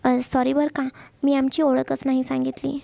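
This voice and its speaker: Talkative young college girl, outspoken and lively, high and gravelly, voiced by a woman narrator. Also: moderate pace, no room sound. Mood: chatty.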